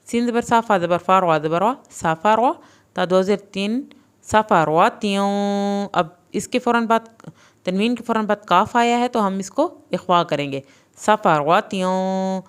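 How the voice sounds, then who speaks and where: A woman teaching Quran reading in a recorded lesson, spelling out syllables slowly and blending them, with quicker plain explanations of the rules in between. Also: medium pitch, smooth.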